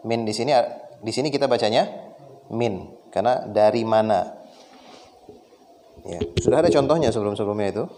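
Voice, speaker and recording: A man's voice: mid-range voice, slight background noise. A man teaching an Arabic lesson, patiently asking the class questions and then answering them himself. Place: meeting room.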